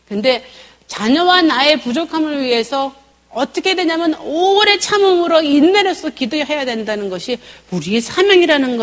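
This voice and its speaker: A middle-aged woman giving a church parenting seminar, telling family stories expressively and acting out the dialogue. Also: sits high. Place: church hall. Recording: echoey church hall.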